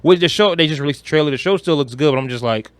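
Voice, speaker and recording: A man co-hosting a podcast chats casually about movies and games, slangy, profane and strongly opinionated. His voice is a little high and racing, with a clean tone and no echo.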